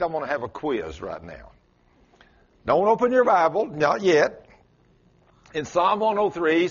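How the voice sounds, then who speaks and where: A man in his late sixties preaching a folksy sermon, quizzing his congregation and rising to loud exclamations. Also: on the high side, slightly rough, highs cut off. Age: 60s. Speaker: pastor.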